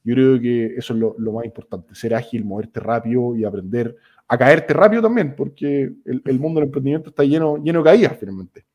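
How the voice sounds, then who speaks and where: A young man with a Chilean accent speaks as a startup founder in a loose, conversational interview. His voice is mellow and dark, with an even middle pitch. He talks in relaxed stretches, often stopping and restarting mid-phrase. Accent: Chilean Spanish. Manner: relaxed, halting, many restarts and fillers.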